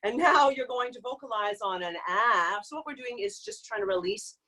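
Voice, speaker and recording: Higher-voiced woman coaching singers on a video call. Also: normal speed. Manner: encouraging, demonstrates sounds with sudden loud hoots and calls. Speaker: vocal coach. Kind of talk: live online group singing lesson.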